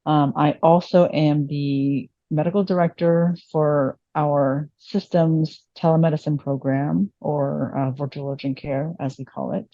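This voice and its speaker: A woman's voice: sits low, steady tone, unhurried, hardly any pauses, mellow, no echo, lo-fi sound. A woman in her late thirties from Vietnam, an emergency physician being interviewed, talking reflectively with many fillers. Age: late 30s. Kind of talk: conversational interview.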